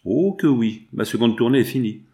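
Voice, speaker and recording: Un homme lisant à voix haute et prêtant sa voix à une porteuse de pain d'âge mûr, humble et affectueuse. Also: male voice, medium pitch, lively intonation, normal speed, mellow, lightly acted.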